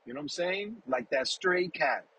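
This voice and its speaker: With a somewhat high, slightly rough voice, this podcast host talks at a normal speed in an animated way. He leads a casual faith conversation, rambling affectionately, getting emotional about family, and often asking "you know what I'm saying?"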